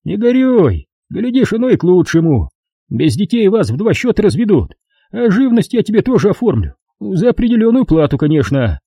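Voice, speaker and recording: A fat, greedy, pompous middle-aged notary from an audiobook, as a male reader puts him on, talking down to people in a shrill, squealing voice. The tone is husky and dark under the raised pitch, and the lines leap up and down. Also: very animated, moderate pace, no echo, studio quality, exaggerated voice. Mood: patronizing. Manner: condescending and grasping.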